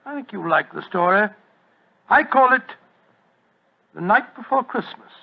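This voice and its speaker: Doctor Watson, high-voiced bluff English doctor. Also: male voice, animated, a little slow, creaky, breathy edge, exaggerated voice. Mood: jovial. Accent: British. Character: genial, bluff older English doctor, loyal sidekick. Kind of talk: 1940s radio acting. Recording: muffled old radio broadcast.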